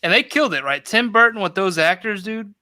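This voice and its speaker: A man's voice: sits high, lively intonation, brisk, sharp tone, dry recording. A man chatting casually on a live video call, laid-back and opinionated. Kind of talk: casual chat.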